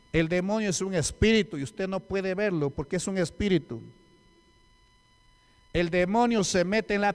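A man's voice: sits high, clear, resonant tone. Man preaching in a ringing hall. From Peru. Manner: emphatic, asks the congregation rhetorical questions. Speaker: deacon preaching. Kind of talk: sermon. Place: church hall. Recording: long church hall reverb.

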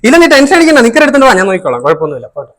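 Guy doing a home prank vlog, talks quick and kinda high, keeps saying it's fine, urgent. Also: wildly swooping pitch. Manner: urgent, repeatedly reassuring, hushed at times. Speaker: family vlogger pulling a prank.

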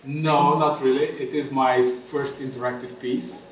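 A middle-aged Romanian guest artist speaks hesitantly, full of fillers, during a festival table talk before an audience. His mid-range voice is level and unhurried, picked up by a table mic on a stand in an echoey room while he sits far from it.

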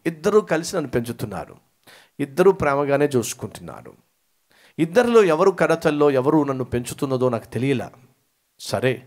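A man preaching a sermon, telling a story and acting out its dialogue with rising emphasis. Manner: animated, acts out dialogue with rising emphatic pitch. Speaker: pastor.

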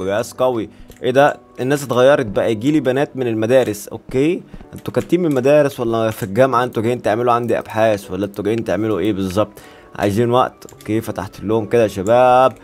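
A man's voice: medium pitch, rapid-fire, soft background music. A man with an Egyptian Arabic accent giving casual gameplay commentary, joking and talking straight to his viewers. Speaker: gaming YouTuber.

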